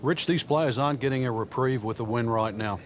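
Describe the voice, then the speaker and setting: A man works as a golf commentary analyst, explaining play in a conversational way. His voice is medium in pitch, with slight outdoor noise behind it. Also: brisk. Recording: faint outdoor background noise.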